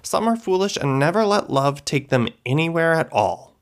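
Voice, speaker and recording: A man reading a storybook, voicing an older woman fortune-teller who speaks gently and matter-of-factly. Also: a little high, animated, moderate pace, pitched above the performer's own voice, natural voice. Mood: knowing, solemn. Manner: gentle, matter-of-fact, grandly solemn.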